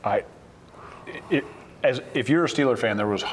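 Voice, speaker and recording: A man's voice: medium pitch, moderate pace. Man, sports show host, wisecracking, rambling, chuckles, faint noise. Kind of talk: casual sports chat.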